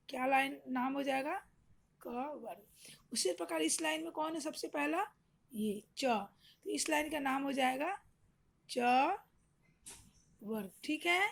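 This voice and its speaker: A woman teacher giving an online grammar lesson to young children, patiently explaining step by step and answering her own questions. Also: high-pitched.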